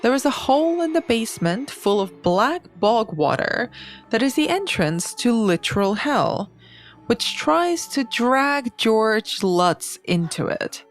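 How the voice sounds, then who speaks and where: A woman's voice: a little high, big pitch swings, takes it slowly, faint music behind. A woman hosting a podcast, reading scripted narration. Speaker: podcast host.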